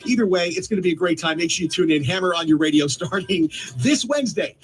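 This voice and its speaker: A man's voice: sits high, animated, fast talker, a little hiss or hum. A man chatting upbeat as a radio host.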